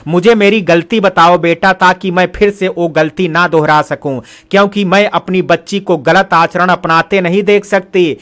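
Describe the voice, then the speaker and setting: A man's voice: sits high, steady tone, moderate pace, hardly any pauses, a bit bright. A man voicing a tearful, loving middle-aged mother who pleads emotionally in an audio story. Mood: hurt, pleading.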